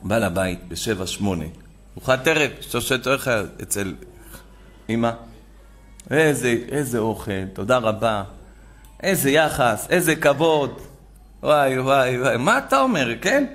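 Middle-aged guy preaching a story, gravelly voice, lively, acts out everyone. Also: medium pitch, pauses often. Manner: animated storyteller, addresses listeners as "gentlemen", acts out quotes. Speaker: religious lecturer. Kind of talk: storytelling sermon to an audience.

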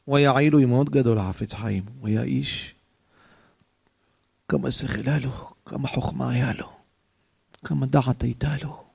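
A male preacher with a gravelly, creaky voice delivering an emotional storytelling sermon. He builds the drama as he speaks, and his voice climbs at the moving moments. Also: medium pitch, fairly even intonation, pauses often.

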